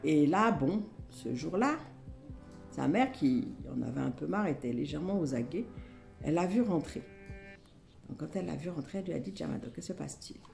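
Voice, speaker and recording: A woman telling a bedtime folktale in a lively, conversational way with asides to listeners. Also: sits low, moderate pace, vocal fry, soft background music. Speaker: storyteller.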